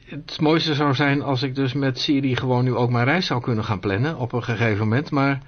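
Relaxed man demonstrating phone features. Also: medium pitch, fairly quick, muffled recording. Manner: relaxed, thinking aloud with fillers. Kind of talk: casual explanatory demo.

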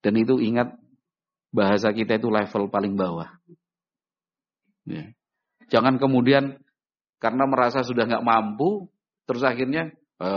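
A man preaching an Islamic sermon in an animated way, acting out short dialogues in a raised voice. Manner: animated, acts out little dialogues with raised pitch. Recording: dull lo-fi recording.

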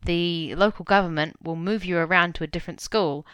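Female co-host with a New Zealand accent, very clear and bright voice, dry close sound, chatty. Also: fairly low pitch, a little fast, no echo. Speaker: podcast co-host. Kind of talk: casual movie review chat.

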